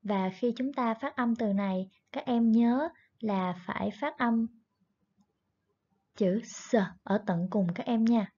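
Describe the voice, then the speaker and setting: Woman teacher, patient online lesson, repeats each word twice, slow, dull lo-fi recording. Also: on the high side, dark tone. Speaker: primary school English teacher. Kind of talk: online lesson, explaining and drilling words.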